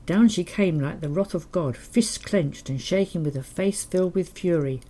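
An older woman, reading her childhood memoir in a gentle, wry manner. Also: on the low side, moderate pace. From England. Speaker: memoir narrator.

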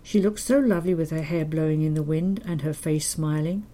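An older woman, reading her childhood memoir in a gentle, wry manner. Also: low voice, fairly quick. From England. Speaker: memoir narrator.

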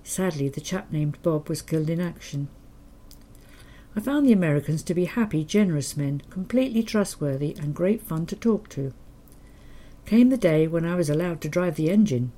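A woman's voice: low voice, lively intonation, moderate pace. Older woman reading her memoir. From England. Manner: gentle, wry storytelling. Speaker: memoir narrator.

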